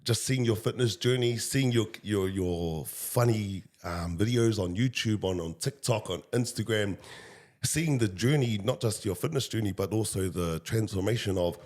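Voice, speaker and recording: Casting note: New Zealand male podcast host, low voice, easygoing and encouraging. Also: moderate pace, darkish tone. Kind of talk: casual interview.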